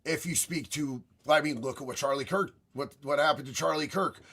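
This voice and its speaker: On his livestream, a raspy young man with a voice high for a man reads chat and answers messages one after another. He talks off the cuff, briskly and bluntly, swearing and tossing out "bro" and "homie." His tone is fairly bright.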